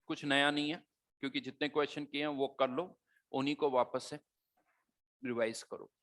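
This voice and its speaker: A man's voice: medium pitch, steady tone, moderate pace, a bit bright. Man lecturing chemistry in casual tone. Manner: conversational teaching, mixing Hindi with English terms, rhetorical questions. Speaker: chemistry teacher. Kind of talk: classroom lecture.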